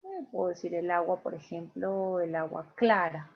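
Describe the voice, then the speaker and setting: A woman with a lowish, creaky voice speaks at normal speed while teaching an online class. She explains things patiently, step by step, and checks in with her students often. The recording is dull and lo-fi.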